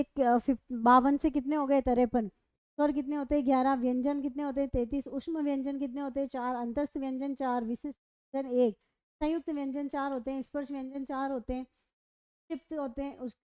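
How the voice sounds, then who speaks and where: A woman's voice: sits high, mellow, no room sound, clean studio sound. A woman teaching an online grammar lesson. She asks questions and answers them herself, and often says "okay" between points.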